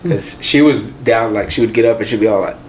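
A man's voice: on the low side, a little fast, a little mellow, a little hiss or hum. A man in his thirties chatting casually on a podcast, easygoing and full of questions. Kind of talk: casual chat.

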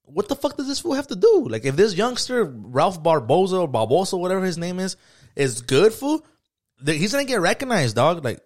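A man, co-hosting a casual podcast chat, telling stories in a profane, slangy, animated way. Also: sits high, brisk. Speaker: podcast co-host.

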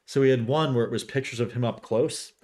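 A man's voice: medium pitch, brisk, a little mellow. A man casually telling a story in a conversation, chatty and filling his talk with "like" and "you know.". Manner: chatty, laughs often, many likes.

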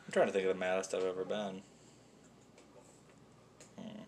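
A man's voice: sits low, little pitch movement, normal speed, creaky, a little hiss or hum. A man co-hosting a podcast, chatting casually with a friend in a laid-back way and chuckling often. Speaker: podcast co-host. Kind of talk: casual chat between friends.

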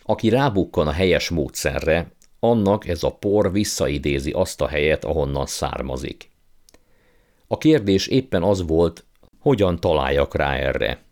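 A man's voice: extremely low pitch, lively intonation, a little mellow. A man voicing a pompous, blustering old uncle who calls himself a scientist and magician. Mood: lecturing. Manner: blustering, condescending, impatient.

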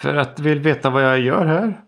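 A man playing a tabletop role-playing game, giving calm, matter-of-fact replies. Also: a little high, vocal fry. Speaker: player.

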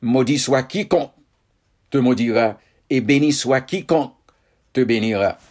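A man reads scripture aloud in a solemn, measured manner, breaking the text into short phrases. He takes his time, with a very unhurried pace and an ordinary mid-range pitch. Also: darkish tone. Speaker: Bible reader. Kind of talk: scripture reading.

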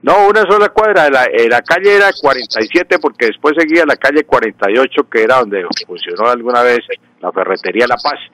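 A man with a Colombian accent from Santander explains things on a radio call-in show at an easy, teacherly pace. His voice sits at a middle pitch and sounds very dry and close. He repeats words to stress them and fills gaps with "eh". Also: lively intonation, fairly bright tone, no room sound. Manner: unhurried, didactic, repeats key words, frequent "eh" fillers. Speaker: language and local history expert on radio.

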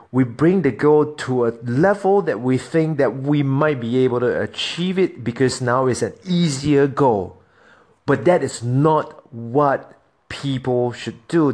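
A man's voice: medium pitch, darkish tone. Earnest man, motivational monologue. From Singapore. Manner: earnest, motivational, addresses listeners directly. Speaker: podcast host. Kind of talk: solo podcast monologue.

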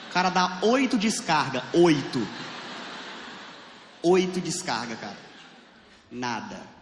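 A man with a Brazilian Portuguese accent doing a crude stand-up set on a theater stage, animated and laughing at his own jokes. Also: on the high side, measured pace. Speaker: stand-up comedian. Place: theater stage with live audience. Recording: echoey hall with room noise.

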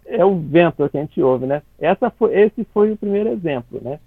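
A man with a Brazilian Portuguese accent, a conductor chatting on the radio, restarting phrases and tagging them with quick questions as he explains. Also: fairly high pitch, expressive, vocal fry, no room sound. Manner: chatty, many restarts and tag questions, laughs while explaining. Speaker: conductor explaining classical music in cartoons. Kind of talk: casual radio chat. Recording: dry tinny phone line.

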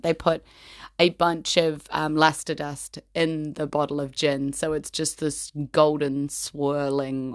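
A woman in her thirties with a New Zealand accent and a hoarse, croaky voice, rambling casually as the host of her own show. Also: deep voice, dry recording, studio quality. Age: 30s. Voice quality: croaky, gravelly. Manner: chatty, rambling. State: hoarse, voice nearly gone from partying. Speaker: host of a personal episodic show.

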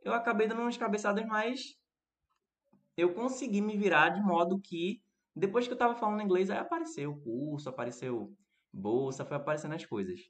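In a high-pitched voice and at a slightly fast clip, a man from Recife chats through a live online class in his northeastern Brazilian accent. He talks to his students by name, poses questions, and answers messages from the chat.

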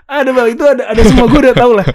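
A man's voice: very high voice, racing, darkish tone, a little hiss or hum. A young man with a Jakarta accent chatting casually on a podcast in Jakarta slang, swearing offhandedly. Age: young adult.

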